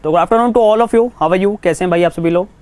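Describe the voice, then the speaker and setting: A man teaching reasoning in a live exam-prep class, brisk and coaxing, mixing Hindi with English. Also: high voice, darkish tone.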